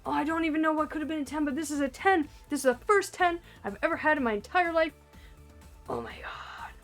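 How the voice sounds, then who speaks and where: Excitable woman gushing over an unboxing. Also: high-pitched, fast, soft background music. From Canada. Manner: excitable, gushing, laughs often, trails off and restarts. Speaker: card collecting vlogger. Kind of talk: off-camera unboxing commentary.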